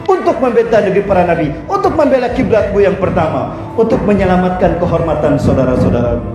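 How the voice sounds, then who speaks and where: A man with an Indonesian accent preaching at a rally in a loud, impassioned soapbox rant. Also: high voice, big pitch swings, fast. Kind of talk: rally sermon. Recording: echoey with music behind. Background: music.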